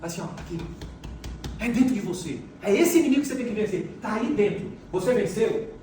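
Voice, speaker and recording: A middle-aged motivational speaker's high, expressive voice has a dark tone and a fairly quick pace as he tells stories emphatically and repeats phrases for force. He speaks in a large echoey hall, picked up by a far-off mic along with faint noise.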